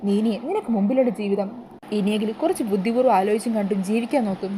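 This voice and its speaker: A woman's voice: mid-range voice, fast, dark tone, a little hiss or hum, lightly acted, low-quality recording. A woman voicing a scheming, blunt female friend who lectures and pushes. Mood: lecturing.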